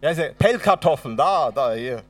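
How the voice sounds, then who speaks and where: A man's voice: a little high, lively intonation, moderate pace, distant mic, faint music behind. A man with a Swabian accent preaching a sermon and telling his own testimony, acting out the dialogue dramatically. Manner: dramatic storyteller, acts out dialogue.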